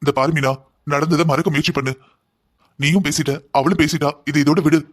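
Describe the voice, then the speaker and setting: A man voicing a calm old grandfather in a cartoon, gently soothing a family quarrel. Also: a little high, a little fast, natural voice. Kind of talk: cartoon voice acting.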